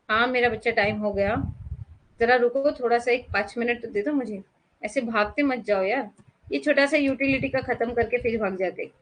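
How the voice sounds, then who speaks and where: A woman's voice: fairly high pitch, a bit bright, poor audio. A young woman teacher giving a chatty exam-prep lecture, mixing English terms into her explanations and asking her students questions.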